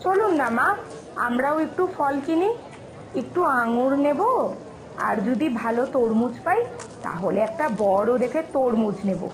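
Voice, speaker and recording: A woman voicing an exasperated young village daughter-in-law in a cartoon, who scolds her mother-in-law for talking too loudly. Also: fairly high pitch, lively intonation, a little slow, noisy background. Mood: cheerful. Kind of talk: Bengali cartoon voice acting.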